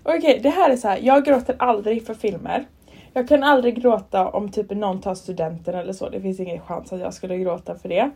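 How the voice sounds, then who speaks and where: A woman's voice: medium pitch, gravelly, mellow, slightly rough. A young woman from Sweden co-hosting a podcast, speaking earnestly and emotionally in casual chat. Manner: earnest, emotional, quick to react with short replies. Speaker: podcast co-host.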